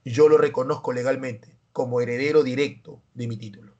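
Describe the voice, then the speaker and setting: A man's voice: medium pitch, fairly even intonation, brisk, darkish tone, highs cut off, lightly acted. A man voicing a brash, war-loving medieval duke who talks boastfully, within a history class. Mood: commanding.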